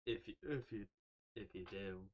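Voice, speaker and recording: A man's voice: on the low side, normal speed, dull audio. A man streaming a story game, reading the text aloud and commenting casually, often laughing and correcting himself. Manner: animated, laughing, swearing, self-correcting.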